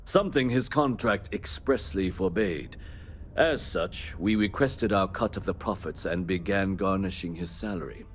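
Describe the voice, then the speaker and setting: An actor playing a cold, smug trade company manager in a video game, delivering measured villain-like monologue in formal tones. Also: male voice, sits low, slight background noise, lightly acted. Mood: cold, dismissive.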